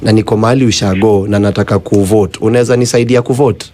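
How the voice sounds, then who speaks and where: Man, Kenyan accent, lowish pitch, persuasive explainer, insistent, repetitive phrasing. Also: steady tone, fast talker, mellow. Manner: insistent, repeats himself. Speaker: guest demonstrating a tech system.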